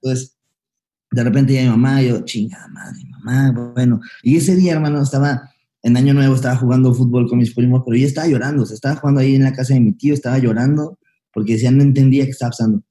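A young man with a Mexican accent telling his life story as a podcast guest, slangy and lively, acting out old conversations. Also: mid-range voice. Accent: Mexican Spanish. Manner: fast, slangy, acts out past dialogue. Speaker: guest, comedian. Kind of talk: candid storytelling interview.

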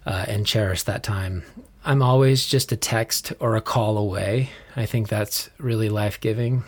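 A man's voice: fairly low pitch, normal speed, darkish tone. A man with an American accent, co-hosting a podcast in a conversational style. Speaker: podcast co-host.

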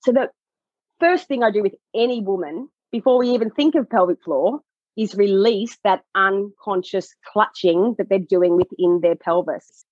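A woman pelvic health coach explaining her work in a podcast conversation, animated and acting out what clients say. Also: medium pitch, moderate pace, no echo, lo-fi sound. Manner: animated, acts out clients' voices.

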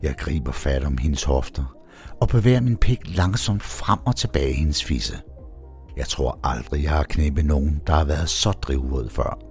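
A man narrating a first-person story in a steady, expressive storytelling manner. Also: very deep voice. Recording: faint background music.

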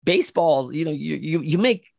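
Brief: upbeat male co-host, slightly higher voice, dry close sound, lively anecdotes. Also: moderate pace, creaky, no room sound. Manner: animated storyteller, acts out quoted voices, laughs often. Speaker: podcast co-host. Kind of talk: casual conversational chat.

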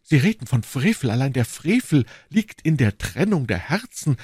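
A man's voice: mid-range voice, big pitch swings, moderate pace, a little mellow, husky, no echo, studio quality. A man reading an audiobook, voicing a passionate, lovesick duke with fervent, swelling declarations. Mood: ardent. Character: passionate lovesick English duke, ardent and insistent. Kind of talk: audiobook reading of a classic novel.

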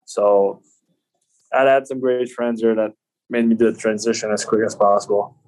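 A man in his twenties from Quebec City, Canada, a native French speaker with a French Canadian accent, chats casually as a podcast interview guest; he's a professional hockey player. His voice is fairly low and darkish, with a steady tone and normal speed, on a rough recording.

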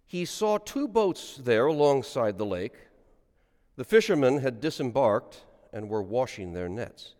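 A middle-aged man, a priest, reading the gospel and preaching a homily with a lively delivery that rises on quoted lines, heard in a large church with a long cathedral echo. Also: mid-range voice, unhurried. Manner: lively sing-song delivery, rising on quotes.

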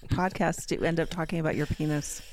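A woman's voice: low voice, fairly even intonation, quick pace, darkish tone, slight background noise, poor audio. A woman co-hosting a podcast in casual discussion, with a dry, organizing manner. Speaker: podcast co-host, psychotherapist.

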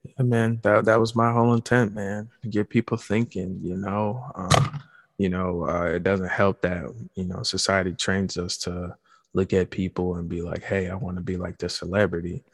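Low, gravelly-voiced man, easygoing podcast co-host, reverberant room. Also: level tone, normal speed. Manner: laid-back, says "man" and "you know" often. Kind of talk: casual conversation.

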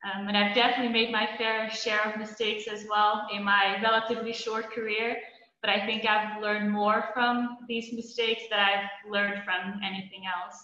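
A woman's voice: medium pitch, flat delivery, moderate pace, bright, forceful tone. A woman from the Netherlands, raised in Belgium, answering interview questions in an earnest, reflective way. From Netherlands, grew up in Belgium. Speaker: guest. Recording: muffled echoey room sound.

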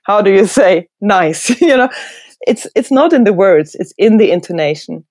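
A middle-aged German woman with a German accent, a design professor speaking as an interview guest, animated and thoughtful, laughing often. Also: mid-range voice, normal speed, no room sound. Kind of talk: reflective conversational interview.

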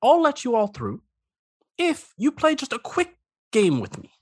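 A man voicing a huge, vain, lonely crab warrior from a tabletop game in a theatrical, coy, self-flattering way. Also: very high voice, a little slow, breathy edge, no room sound, clean studio sound, voice pushed up, full character voice. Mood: coy, eager.

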